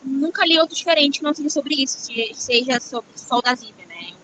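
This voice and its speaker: A woman in a casual book club chat, lively and gushing. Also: high-pitched, brisk, noisy background.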